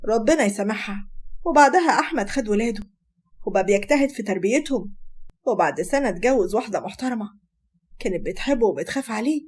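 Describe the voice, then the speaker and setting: Egyptian woman narrator, high voice, quick, quiet scripted storytelling. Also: lively intonation, husky.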